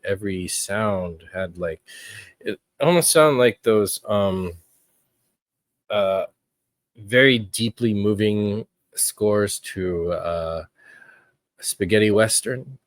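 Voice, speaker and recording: A man hosting his own podcast, talking in an earnest, reflective way with frequent pauses. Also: low-pitched, no echo. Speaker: podcast host. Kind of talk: casual podcast commentary.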